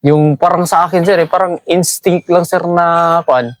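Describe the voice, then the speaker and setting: A man's voice: fairly high pitch, fairly even intonation, moderate pace, no room sound. A middle-aged Filipino man, a special forces team sergeant, recounting a combat story respectfully and calling his interviewer "sir" at nearly every phrase. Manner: deferential, says "sir" constantly.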